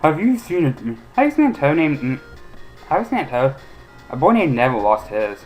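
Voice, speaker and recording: A man's voice: a little high, big pitch swings, moderate pace, soft background music, pitched above the performer's own voice, low-quality recording. A man voicing an eager know-it-all schoolgirl witch, reading her game lines primly.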